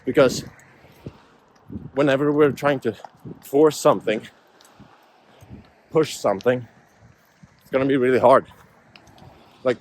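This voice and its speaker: In a casual vlog, a Swedish man in his 20s, Swedish by first language, reflects on life and goals while pushing himself forward. His mid-range voice comes with a little hiss or hum.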